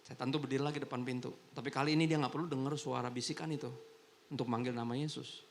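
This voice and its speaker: A man's voice: medium pitch, fast talker, gravelly, slight background noise. A man preaching a sermon as pastor, telling stories casually and acting out the voices of the people in them. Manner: chatty and animated, acts out quoted voices. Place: church service in a hotel ballroom.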